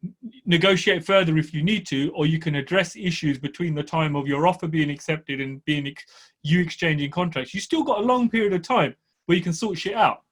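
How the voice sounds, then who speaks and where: A man co-hosting a podcast in casual chat, blunt and direct, swearing freely and swinging up in pitch to stress his points. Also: fairly quick, fairly bright tone. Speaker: podcast co-host, property investor.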